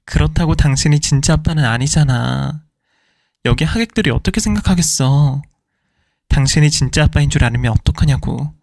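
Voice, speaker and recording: A man's voice: fairly high pitch, moderate pace, gravelly, darkish tone, no room sound, clean studio sound, pitched above the performer's own voice. A man voicing a furious middle-aged wife who fires indignant questions at her husband, in a storytelling reading.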